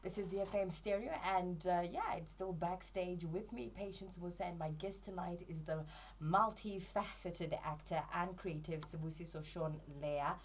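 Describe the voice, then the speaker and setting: A woman's voice: lowish voice, moderate pace. A woman hosting a radio talk show, playful and teasing as she pushes her guest for answers. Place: radio studio.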